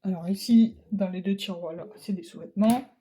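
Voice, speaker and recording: A woman's voice: mid-range voice, brisk. A woman with a Ch'ti accent, touring her craft supplies in a casual way and hesitating with many fillers as she thinks aloud. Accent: Ch'ti (northern French). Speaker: craft vlogger. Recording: loud crinkling and clicking handling noise. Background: rustling of packaging and boxes.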